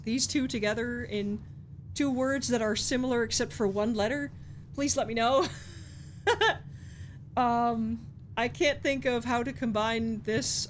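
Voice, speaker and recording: A woman's voice: a little high, a little hiss or hum. A woman streamer commentating a puzzle game live, swearing and pleading in frustration.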